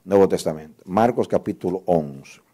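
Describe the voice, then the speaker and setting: A man's voice: low-pitched, normal speed, dark tone, slightly rough. A male guest pastor preaching a sermon, telling an emotional testimony with repeated words and reading scripture aloud with rising force.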